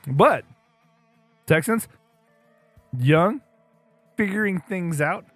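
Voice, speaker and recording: A man's voice: high-pitched, expressive, extremely slow, no echo, faint music behind. A man co-hosting a casual beer podcast, laughing often and slipping into silly character voices. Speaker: podcast co-host. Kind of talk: casual chat.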